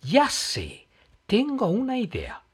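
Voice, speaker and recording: Guy doing brave little girl heroine, squeaky high, bit husky, storybook. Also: wildly swooping pitch, a little slow, full character voice. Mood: eager. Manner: urgent, shouting commands.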